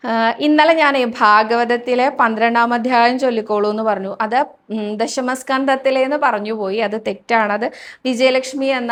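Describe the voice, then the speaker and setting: A woman hosting a devotional talk, answering viewers' questions and telling personal stories in a soft, reassuring way. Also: on the high side. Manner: soft, reassuring, often ends sentences with a friendly tag.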